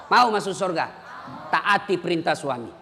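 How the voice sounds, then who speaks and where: A man preaching a humorous sermon to a live audience, teasing and often shouting his punchlines. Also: sits high, expressive, normal speed, gravelly, slight background noise. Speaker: Islamic preacher. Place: large event hall. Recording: long hall reverb at live event.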